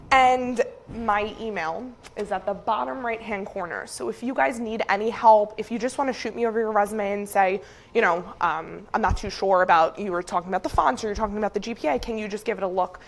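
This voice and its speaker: A woman giving friendly career and resume advice in a classroom presentation, talking with frequent fillers. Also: mid-range voice. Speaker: career advisor speaking to students.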